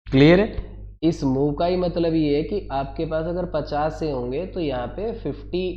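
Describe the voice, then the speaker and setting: A man's voice: fairly high pitch, normal speed, dark tone, slight background noise. A man teaching an online class, explaining step by step and quizzing his students with repeated questions. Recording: echoey room, dull lo-fi sound.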